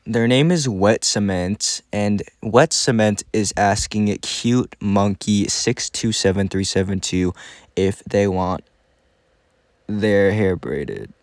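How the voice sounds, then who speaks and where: A young man talks through his old video in a rambling, self-mocking way. His voice is smooth and clean, and the room is dry and close, with no echo. His pitch sits fairly low. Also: slow. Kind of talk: casual commentary. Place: room at home.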